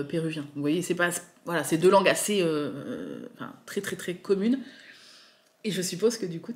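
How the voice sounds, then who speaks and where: A young woman from France chatting casually in a vlog, gushing and excitable, with lots of fillers. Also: fairly low pitch. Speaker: vlogger. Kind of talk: casual unboxing chat.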